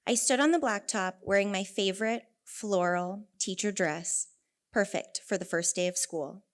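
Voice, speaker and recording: At a conference, a young elementary teacher from Northern California gives a prepared speech in a medium-pitched voice at a moderate pace. She has a California accent, and her earnest storytelling comes with wry asides.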